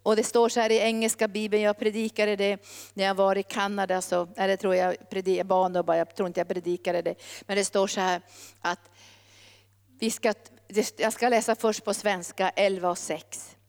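A woman's voice: mid-range voice, level tone, clear, resonant tone, in a large hall. A woman preaching a sermon, emphatic and rising to fervent, repeated calls.

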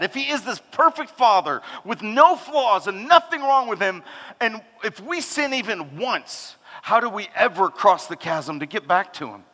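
A man preaching a sermon to his congregation in a conversational way, asking rhetorical questions and dropping low and soft when he speaks God's words. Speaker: pastor. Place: church hall. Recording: long hall reverb.

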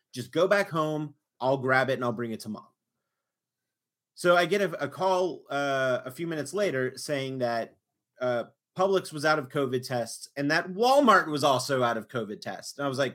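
A man hosting a podcast, telling a story with animated, exasperated retelling in casual chat. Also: medium pitch, moderate pace. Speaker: podcast host.

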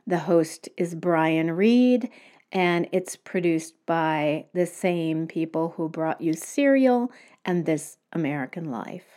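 A woman with a low-pitched, darkish voice hosts a solo podcast. She chats conversationally and recommends things to her listeners.

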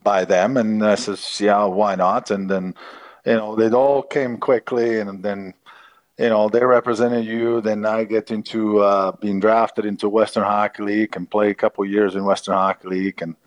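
A middle-aged man with a Czech accent, answering interview questions in a halting way with many fillers. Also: lowish voice, flat delivery, no echo. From Czech Republic. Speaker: former hockey player, guest.

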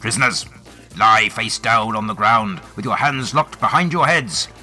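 A man's voice: fairly low pitch, measured pace, soft background music. A man voicing a stern male airship officer whose voice is magically amplified as he barks orders at prisoners during a tabletop game narration. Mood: commanding. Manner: commanding, shouted orders.

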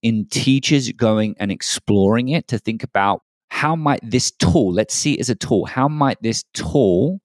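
A man's voice: on the low side, lively intonation, unhurried, few pauses, no room sound, clean studio sound. A man co-hosting an education podcast, reflecting aloud in a thoughtful, conversational way. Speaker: podcast co-host.

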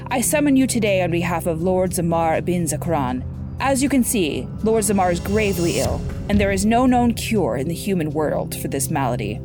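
A woman voicing a calm, persuasive male sorcerer in a measured, courteous storybook reading. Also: on the low side, over music.

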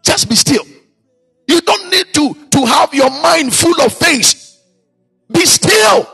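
A male preacher, delivering a sermon in a chanting, sing-song way with repeated lines and shouted peaks. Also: extremely high pitch, expressive, takes it slowly, creaky, faint music behind.

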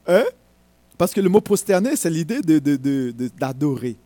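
Fervent high-voiced male preacher. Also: lively intonation, moderate pace, warm tone, no room sound. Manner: emphatic, rising to fervent exhortation. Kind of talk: sermon.

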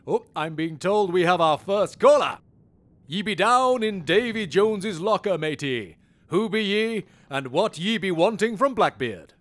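A jovial old sea dog hosting a pirate call-in show, voiced by a man. He draws his words out slowly in a high, lilting, swooping voice full of theatrical pirate talk. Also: lively intonation. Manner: theatrical pirate speech, drawn-out delivery, playful. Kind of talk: comedy skit acting.

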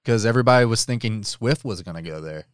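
A man's voice: lowish voice, lively intonation, fast, clear, resonant tone, no room sound, clean studio sound. A laid-back man co-hosting a casual sports talk show, agreeable and informative.

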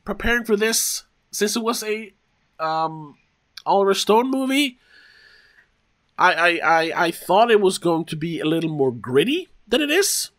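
A man with a head cold, slightly wheezy, talks casually and haltingly as a podcast host, repeating words and drifting into asides. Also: high-pitched, very animated, a bit bright. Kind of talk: casual conversational podcast talk.

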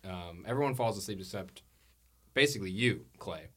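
A man with a bright, forceful voice narrates a tabletop role-playing session as game master. He talks playfully and jokes with the players between scenes. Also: deep voice, animated, moderate pace, husky. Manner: playful, laughing often.

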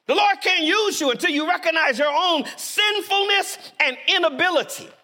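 A man preaching a sermon in a chapel, animated and emphatic, dropping suddenly to quiet words. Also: very high voice, normal speed.

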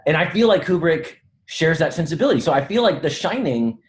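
A man's voice: on the high side, big pitch swings, a little fast. A middle-aged man who teaches film, talking through ideas in a casual podcast chat, reflective and self-deprecating, often hedging his points.

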